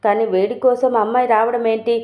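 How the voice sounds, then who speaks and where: A woman's voice: on the high side, level tone, a little fast, lightly acted. Woman reading a grumbling, sarcastic old father. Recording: tinny, roomy phone-like recording.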